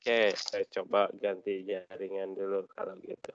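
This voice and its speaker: A man's voice: deep voice, monotone, normal speed, noisy background. Man lecturing over choppy, breaking-up call audio. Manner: patient, asks class questions. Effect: choppy, breaking-up online call audio. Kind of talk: online class lecture. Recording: muffled lo-fi online call audio.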